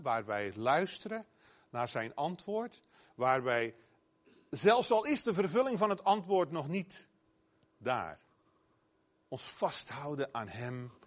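A man's voice: medium pitch, very animated, slow pace, long pauses. A man preaching a sermon earnestly, growing emphatic when he quotes scripture.

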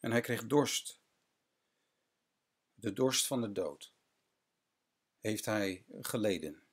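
A man teaching a Bible study in an earnest way, slowing down to weigh his key words. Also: on the low side, lively intonation, breathy edge.

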